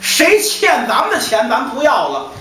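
一名男说书人在扮演一位丢了妻子、悲愤激动的中年东家，说话翻来覆去、时常喊出来。. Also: male voice, extremely high pitch, huge pitch swings, moderate pace, faint music behind, pitched above the performer's own voice, exaggerated voice. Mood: desperate. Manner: agitated, repeating himself, shouting. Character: grief-stricken middle-aged male master. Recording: echoey distant hall, faint noise.

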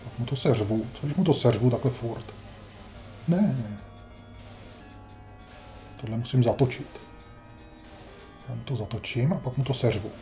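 This gameplay commentator has a warm, mid-range voice, narrating his retro game playthrough in a casual let's-play. He's wry and grumbly, talking to himself the whole time.

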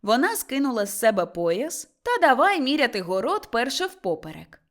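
A woman reading an audiobook in an expressive storytelling manner. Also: fairly high pitch, normal speed. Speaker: audiobook reader. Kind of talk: scripted narration.

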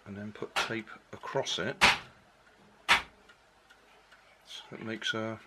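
A man's voice: fairly low pitch, level tone, takes it slowly, very noisy. An older man casually walking through a hobby build at a kitchen table, explaining each step plainly and unhurriedly, correcting himself as he goes.

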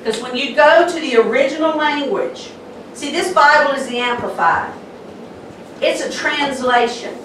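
A woman pastor with a Southern accent preaching a sermon slowly and emphatically. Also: high voice, a bit bright, a little hiss or hum. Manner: slow, emphatic preaching with pauses. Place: church sanctuary. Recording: echoey church hall, mic from a distance.

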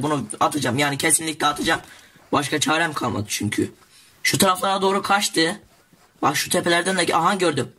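A teenage boy narrates his gameplay in a bright, forceful voice that sits a little high. He is excitable and jokey and keeps talking to his viewers as he plays. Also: slight background noise. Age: teens. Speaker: gaming YouTuber. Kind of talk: casual gameplay commentary.

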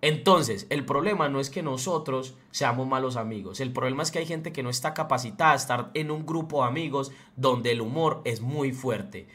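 In a mid-range, fairly bright voice at normal speed with few pauses, a young streamer from Colombia rants hotly on a livestream. His accent is Antioquian Colombian Spanish, and his delivery is blunt, profane and fired up.

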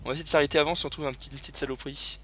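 A man hosting a casual let's play, excitable and chatty as he thinks aloud. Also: fairly high pitch, very fast, a little hiss or hum. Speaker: gaming video host. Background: video game sounds.

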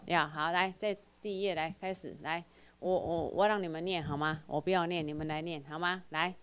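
A woman teaching a language class with a Taiwanese Mandarin accent, drilling syllables slowly and coaxing her students to repeat. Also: on the low side, fairly even intonation, fairly bright tone, clear, resonant tone. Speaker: Japanese teacher.

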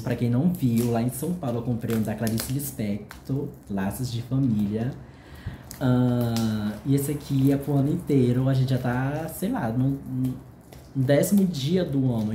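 Gushing Brazilian man, slow and echoey. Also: medium pitch, slight background noise. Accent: Brazilian Portuguese. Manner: excitable, gushing, jittery with nerves. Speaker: vlogger. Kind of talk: casual unboxing vlog. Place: hotel room.

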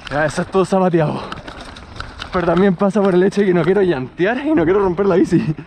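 A Chilean man in his thirties talks casually about a mountain bike, his voice sitting high for a man. The sound is roomy and echoey, picked up on a small camera. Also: fast talker, a little hiss or hum. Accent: Chilean Spanish. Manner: excited exclamations while riding, relaxed explaining at home. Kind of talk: casual vlog, riding commentary then bike review. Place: trail ride outdoors, then indoor room with bike stand.

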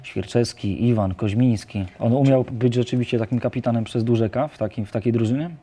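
A man hosting a TV studio interview, asking measured, composed questions. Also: mid-range voice, steady tone, dark tone, slightly rough. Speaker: host, interviewer.

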